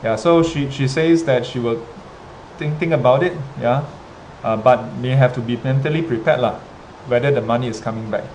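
The clip is clearly noisy, with rain and ambient sound in the background. In it, a man with a Singaporean accent and a darkish, medium-pitched voice tells a casual story on a livestream, speaking as a teacher to his students, his delivery halting with frequent pauses and repetitions.

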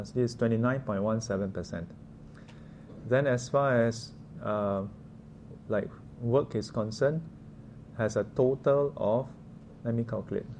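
A man's voice: lowish voice, darkish tone, highs cut off. Singaporean or Malaysian man teaching, noisy room. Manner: conversational, asks short prompting questions with particles like lah and ah. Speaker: teacher leading a class. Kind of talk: informal interactive lesson. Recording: clearly noisy room ambience.

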